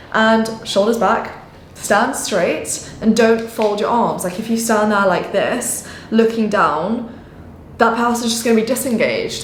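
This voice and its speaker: A woman coaching viewers on sales in a casual talk to camera. Her delivery is expressive, rising and falling in pitch and energy as she explains each point. She sits at a middle pitch, and the room around her rings with noticeable echo. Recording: echoey room.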